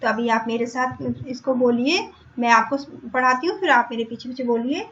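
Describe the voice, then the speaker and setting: High-voiced, patient woman teacher. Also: fairly bright tone. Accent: Indian English. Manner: patient, addresses pupils as children, repeats words slowly. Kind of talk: bilingual school lesson. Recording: dull lo-fi recording, faint hiss.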